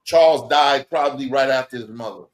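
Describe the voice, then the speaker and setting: A man's voice: mid-range voice, fairly quick, low-quality recording. A man co-hosting a casual chat, emphatic and rambling, making sweeping claims.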